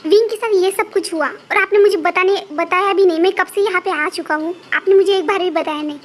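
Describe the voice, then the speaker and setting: A woman voicing a hot-tempered young man who shouts accusations at his brother's teacher. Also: very high-pitched, fairly quick. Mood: hurt. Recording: faint background noise.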